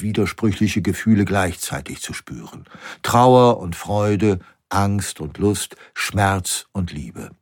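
A man's voice: fairly low pitch, darkish tone, breathy edge, no echo, clean studio sound. A man narrating a first-person audiobook, reflective, asking rhetorical questions and sometimes dropping to a whisper.

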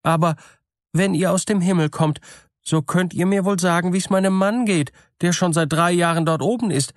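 A man voicing a gullible old-fashioned peasant woman in a fairy tale, high-pitched and trusting. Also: moderate pace, no room sound, clean studio sound, close to an everyday voice. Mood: earnest.

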